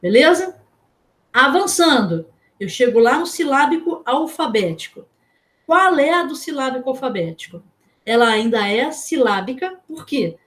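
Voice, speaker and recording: A woman with a Brazilian Portuguese accent teaching a class. She explains step by step, asks questions and spells out letters slowly. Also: high-pitched, expressive, a bit bright. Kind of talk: online class lecture.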